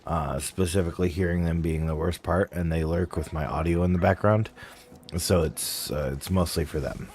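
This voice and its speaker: Young guy streaming, super deep voice, rambly chat with viewers. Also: steady tone, moderate pace, darkish tone. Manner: rambling, apologetic, talking to chat. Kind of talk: casual live-stream chat.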